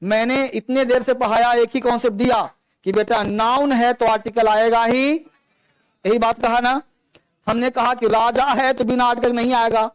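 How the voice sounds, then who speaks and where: With a very high, smooth voice and level tone, a man runs an English grammar lecture at a moderate pace, going back over points and drawing students out with questions. The recording is low in quality, with no room sound.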